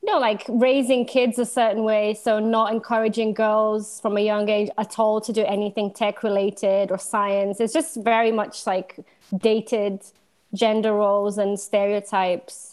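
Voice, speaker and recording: A woman from Slovenia in her thirties, a DJ guest talking in a relaxed, thoughtful way, with many pauses and easy laughs. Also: mid-range voice. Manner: thoughtful, hesitant, laughs easily. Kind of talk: casual interview chat.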